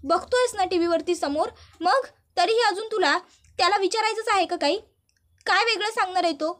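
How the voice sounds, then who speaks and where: A woman's voice: extremely high pitch, fairly quick, fairly bright tone. A woman voicing a distraught young bride-to-be in a storybook retelling, with pleading, accusing outbursts. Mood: angry.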